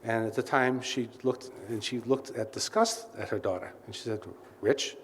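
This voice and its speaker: A man's voice: mid-range voice, fairly even intonation, normal speed. A man giving a welcome speech as CEO at a client event, telling candid anecdotes with many asides. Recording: reverberant hall with faint ambient noise.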